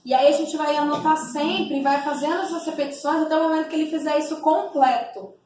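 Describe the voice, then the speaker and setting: High-voiced woman in an echoey room. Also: steady tone, a little fast, a little mellow. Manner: explanatory, frequent tag questions, models words aloud. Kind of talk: teaching a training session. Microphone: distant mic. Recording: echoey room, distant mic, faint noise.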